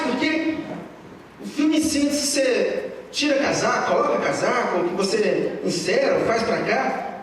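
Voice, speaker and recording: A man's voice: sits high, slight background noise. A man with a Brazilian Portuguese accent preaching at a youth congress, retelling film scenes with acted voices and sound effects. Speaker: pastor. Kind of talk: animated sermon. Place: church hall at a youth congress. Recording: echoey hall from far off.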